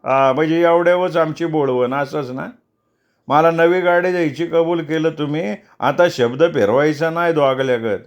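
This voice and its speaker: A man's voice: on the high side, moderate pace, lo-fi sound, pitched above the performer's own voice, natural voice. A man voicing a pushy, greedy middle-aged fixer, bullying and scornful. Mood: aggrieved. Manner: bullying, scornful, self-important.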